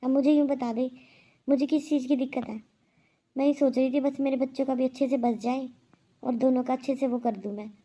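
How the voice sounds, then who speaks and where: A woman voicing a proud elderly aunt who scolds loudly and with indignation in a cartoon. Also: sits high, fairly even intonation, a little fast. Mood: indignant.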